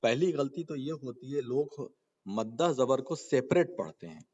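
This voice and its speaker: A man's voice: mid-range voice, animated, a little mellow, lo-fi sound. A man teaching Quran reading and tajweed, explaining patiently, repeating points and asking the class questions. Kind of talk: spoken lesson with slow chanted recitation examples.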